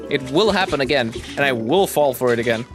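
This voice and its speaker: A man's voice: medium pitch, animated, fairly quick, over music. A man hosting a gaming video with casual, rambling commentary, joking and mocking himself as he goes.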